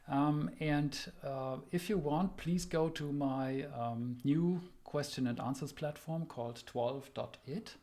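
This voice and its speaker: A man hosting a casual live talk, relaxed and unhurried, often pausing with "um". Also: mid-range voice. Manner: relaxed, many "um" fillers. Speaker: host.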